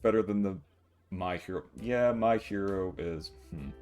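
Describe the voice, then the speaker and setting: Over background guitar music, a young man chats and rambles to his livestream viewers, chuckling and occasionally acting out brief quotes. His voice is low and darkish in tone, and he speaks at a measured pace.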